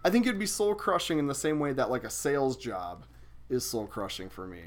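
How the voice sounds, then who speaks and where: A man's voice: medium pitch, expressive, fairly quick. A young man casually chatting with viewers while streaming a video game, swearing and exclaiming as he plays.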